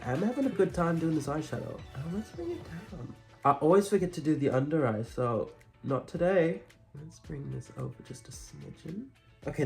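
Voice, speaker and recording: A man talks in a campy drag queen manner at a middling pitch. He chats casually as he demonstrates makeup, with dry, self-deprecating asides. Music plays behind his voice. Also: a little mellow. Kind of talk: casual makeup tutorial chat.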